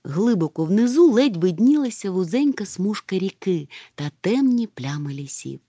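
Animated woman reading a storybook. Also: mid-range voice, normal speed, no room sound, clean studio sound. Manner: expressive, animated. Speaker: narrator. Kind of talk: audiobook narration.

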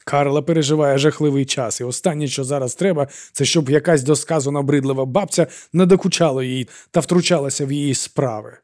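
A man's voice: mid-range voice, fast talker, darkish tone, dry recording, studio quality, voice pushed up, natural voice. A man voicing a big, angry man who barks accusations at an old woman. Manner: harsh, barking, accusing.

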